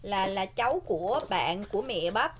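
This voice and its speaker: A woman's voice: medium pitch, animated, moderate pace. A woman in her thirties with a Southern Vietnamese accent, chatting casually as she co-hosts a snack tasting and often repeating short phrases. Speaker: snack tasting show co-host. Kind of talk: casual mukbang chat. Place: small indoor set with curtained backdrop. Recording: clear background noise, crinkling packaging.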